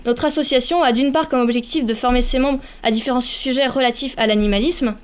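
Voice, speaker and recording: A young woman giving a conference talk and running an audience quiz, speaking haltingly with frequent restarts and self-corrections. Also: high-pitched, fairly even intonation. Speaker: conference speaker for a youth association.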